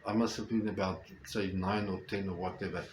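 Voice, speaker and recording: An older man with a South African accent and Afrikaans as his first language, telling a personal story reflectively with halting, deliberate phrasing. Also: low-pitched, level tone. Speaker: storyteller, host. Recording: roomy echo with faint background noise.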